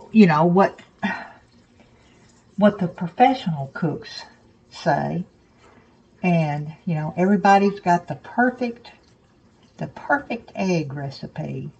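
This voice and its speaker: An older woman with soft, slightly slurred toothless speech, chatting casually to camera in a folksy, plain-spoken, rambling way in her kitchen. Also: mid-range voice, slightly rough, dull audio. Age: older, 60s or above. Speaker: home cooking vlogger. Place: small home kitchen, indoors.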